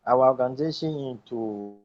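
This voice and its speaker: A man's voice: mid-range voice, moderate pace. Man from Ghana presenting on a call. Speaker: environmentalist guest. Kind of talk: panel guest talk. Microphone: video call. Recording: dull lo-fi video call audio.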